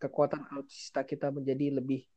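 A man's voice: medium pitch, completely flat delivery, fast, warm tone, dry recording. A young man from Indonesia hosting a casual podcast, explaining things informally and dropping in English phrases. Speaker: podcast host. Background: background music.

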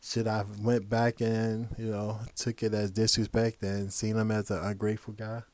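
A man's voice: on the low side, completely flat delivery, normal speed, a little mellow, dry recording. A man hosting a podcast, telling a personal story in a casual, conversational way with chuckling asides. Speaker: podcast host.

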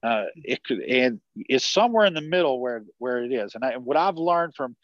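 A man's voice: mid-range voice, lively intonation, moderate pace, no room sound, dull audio. A man in his forties from South Carolina with a rural South Carolina accent, a podcast guest talking in a rambling way over a video call. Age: 40s. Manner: rambling, many restarts and fillers. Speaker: podcast guest, network marketer. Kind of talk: casual conversational interview.

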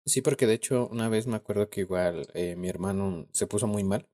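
A man's voice: fairly low pitch, brisk, mellow. A young man with a Mexican Spanish accent, co-hosting a podcast and telling a story in slangy casual chat, laughing often. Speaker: podcast co-host.

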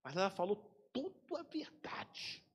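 A male pastor with a Brazilian Portuguese accent, preaching and telling a story in a church, moving between loud bursts and hushed asides. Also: high voice, big pitch swings, measured pace, slightly rough. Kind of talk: storytelling sermon. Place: church hall. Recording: long church hall reverb.

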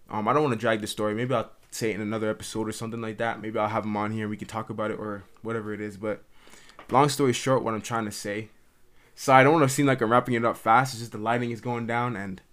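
A man's voice: on the low side, a bit bright. A young man hosting his own podcast from his mother's house, talking earnestly and ramblingly into the camera, with lots of "like" and restarts. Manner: earnest, rambling, heavy use of "like". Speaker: podcast host. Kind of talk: casual solo monologue. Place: at home in his mother's house, dimming light. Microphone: camera recording.

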